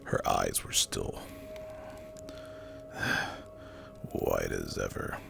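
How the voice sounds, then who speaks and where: A man with a rock-bottom, breathy voice tells a horror story in a hushed ASMR whisper. His delivery is slow, deliberate and spooky, thick with gravelly fry. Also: rumbling low, level tone. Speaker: narrator. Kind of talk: whispered ASMR horror storytelling, scripted first-person narration. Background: music.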